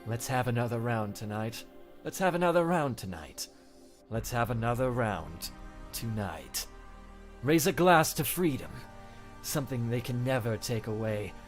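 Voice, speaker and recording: A man's voice: mid-range voice, lively intonation, a little slow, close to an everyday voice. A man voicing a brooding, earnest anti-hero hedgehog, solemnly declaiming lyrics like a dramatic storybook reading. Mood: solemn, rousing. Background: music.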